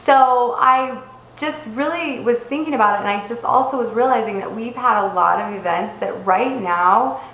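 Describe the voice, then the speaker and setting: A woman's voice: fairly high pitch, normal speed, a bit bright, roomy sound, slight background noise, rough recording. A woman vlogger talking casually and rambling, interrupting herself and circling back to her points. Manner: chatty, rambling, self-interrupting. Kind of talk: casual personal vlog.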